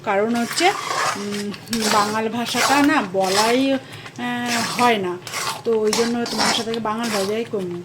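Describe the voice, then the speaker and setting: A woman's voice: a little high, steady tone, unhurried, pauses often, very noisy. A woman with an East Bengali Bangal accent chatting homely to viewers while cooking in her home kitchen. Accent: Bangal East Bengali dialect. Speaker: cooking vlogger. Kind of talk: casual cooking demonstration. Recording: loud kitchen clatter of pots and stirring.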